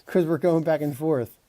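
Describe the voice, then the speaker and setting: A man chats loosely on a live stream while he writes music, his voice sitting a bit high for a man with a warm, relaxed tone. He rambles, jokes and curses mildly, tripping over restarts. The sound is close and dry. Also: no echo. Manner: rambling, talks to chat, frequent restarts and fillers; exasperated, joking, mild swearing. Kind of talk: casual live-stream chat.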